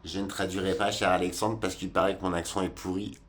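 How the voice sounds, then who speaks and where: A man in his forties with a remarkably deep, low voice speaks to camera in a loose, meandering way, full of casual asides addressed to the viewer. A faint hum sits underneath the recording. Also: little pitch movement, quick pace. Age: 40s. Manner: rambling, colloquial, talks straight to the viewer. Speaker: vlogger. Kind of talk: casual reflective monologue.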